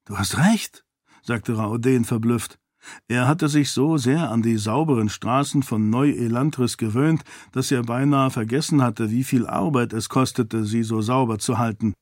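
A man reading a novel aloud as audiobook narrator, in a calm, measured way, lightly voicing the characters. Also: mid-range voice, no room sound, studio quality. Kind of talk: scripted narration.

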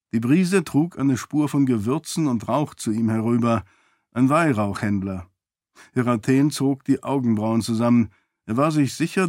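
A man reading a fantasy novel aloud as an audiobook narrator, in an even, measured storytelling manner. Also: mid-range voice, no echo, studio quality.

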